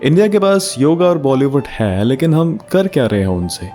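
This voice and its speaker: A man's voice: medium pitch, big pitch swings, normal speed, over music. A man with an Indian accent hosting a casual commentary video in a rhetorical, teasing manner. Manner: rhetorical, teasing, mixes Hindi and English slang. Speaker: video essay host.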